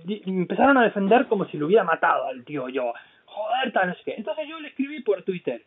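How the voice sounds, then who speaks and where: Animated blunt man on a tinny line. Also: sits high, fast talker, husky. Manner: blunt, profane, animated storyteller. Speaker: podcast host. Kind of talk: casual podcast chat. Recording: tinny phone-like sound.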